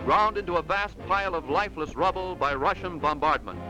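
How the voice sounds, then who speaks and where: A man's voice: fairly high pitch, a little fast, poor audio. A man delivering old 1940s newsreel narration in a dramatic, emphatic announcer manner. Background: music score.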